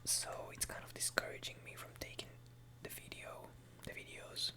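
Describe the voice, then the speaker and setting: A man who is a native Hebrew speaker whispers a casual, hesitant, unhurried ASMR chat in English. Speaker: ASMR video maker. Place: quiet room at home at night.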